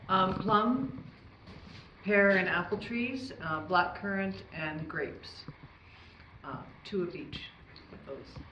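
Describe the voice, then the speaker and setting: A woman answering slowly from some distance. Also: mid-range voice, echoey room, dull audio, a little hiss or hum.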